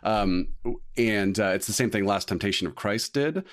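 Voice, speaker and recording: A man's voice: on the low side, normal speed. A man co-hosting a podcast, discussing a film in casual chat, rambling with many restarts and fillers. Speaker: podcast co-host.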